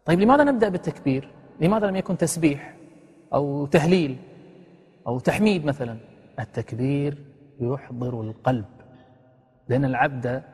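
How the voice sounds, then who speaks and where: A husky-voiced man gives a religious lesson at a brisk clip. He asks his listeners questions and then demonstrates the phrases he teaches. His voice rings out with a long, lingering reverb. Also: medium pitch, a little mellow.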